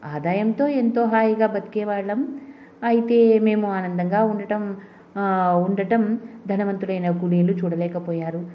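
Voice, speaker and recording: A woman's voice: medium pitch, measured pace, close to an everyday voice. Brief: ruined beggar man, read by a woman, mournful, muffled storybook audio. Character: bitter ruined adult male beggar. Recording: dull lo-fi recording.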